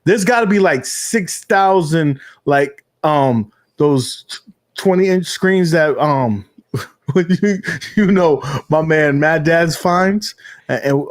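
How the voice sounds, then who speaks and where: Rambling animated man hosting a podcast. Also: on the high side, slow. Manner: rambling, animated, swears casually. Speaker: podcast host. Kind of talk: casual chat.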